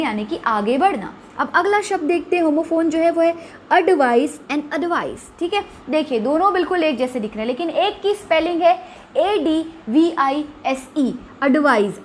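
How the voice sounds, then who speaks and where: A woman, a rather high voice, and an easy teaching rhythm. She explains English words to students, asks them rhetorical questions, and reads her examples slowly. Faint noise sits under the recording. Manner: slow, spelled-out English examples with Hindi explanation. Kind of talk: classroom lesson explaining words.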